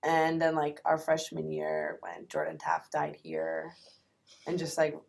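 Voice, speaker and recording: Young college woman on a podcast, low creaky voice, lots of "like"s. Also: big pitch swings, a little mellow. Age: young adult. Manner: halting, full of "like" fillers. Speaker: student-athlete guest. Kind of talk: casual podcast chat.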